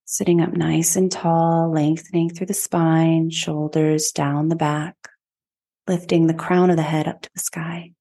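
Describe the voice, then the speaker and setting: Woman, gravelly, guided meditation, calm soothing instruction. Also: sits low, measured pace. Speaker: podcast host and yoga teacher.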